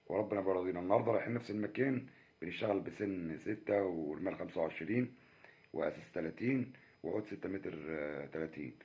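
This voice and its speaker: A man's voice: low voice, rapid-fire, husky, muffled recording. An Egyptian man with an Egyptian Arabic accent, chatting to viewers in a casual fishing vlog outdoors by a river. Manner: chatty, keeps addressing viewers with pious exclamations. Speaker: fishing vlogger.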